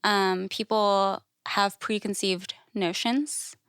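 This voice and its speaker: Speaking slowly with a steady, medium-pitched voice that is fairly bright, clear and resonant, a woman from Thailand guests on a podcast in clean studio sound with no room echo. The classical musician and educator is outspoken and informal, telling stories full of "like" and acted-out quotes.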